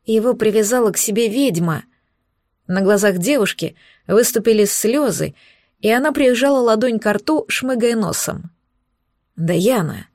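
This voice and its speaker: A woman narrating first-person fiction in an expressive, wry way, close to the mic. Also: a little high, moderate pace, dry recording.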